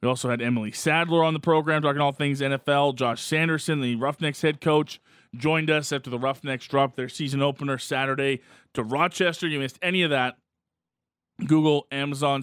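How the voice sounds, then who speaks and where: A man's voice: medium pitch, steady tone, a little fast, a bit bright, clean tone, no room sound, studio quality. A man hosting a sports radio show.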